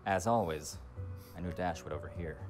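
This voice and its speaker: Man doing hard-boiled detective, very deep voice, dry wisecracks, noir game narration, faint music under it. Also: normal speed, a little mellow, natural voice. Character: hard-boiled male noir detective, wry and world-weary. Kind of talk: 1940s noir voice-over narration.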